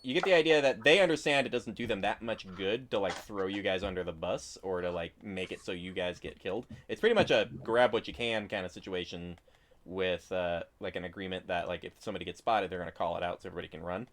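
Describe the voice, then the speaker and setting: A man's voice: deep voice, fast talker, fairly bright tone, a little hiss or hum. A man acting as game master, improvising tabletop narration in a casual, hesitant, explanatory way.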